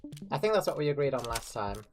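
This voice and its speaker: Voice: mid-range voice, sing-song, quick pace, soft background music. A livestreamer greeting viewers in casual chat, recorded on a livestream headset mic. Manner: chatty, talks straight to viewers. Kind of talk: casual game-stream chat.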